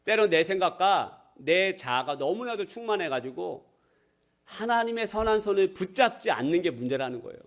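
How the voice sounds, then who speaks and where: A man's voice: high-pitched, animated, moderate pace. A male pastor giving a Sunday sermon, joking with the congregation and acting out the voices in his stories. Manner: playful, acts out voices in anecdotes. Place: church sanctuary.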